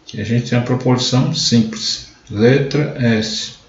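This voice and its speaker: A math teacher with a mid-range voice and moderate pace leads a live online logic class, explaining each step and often starting with "então." The recording sounds dull and lo-fi, with an echoey room.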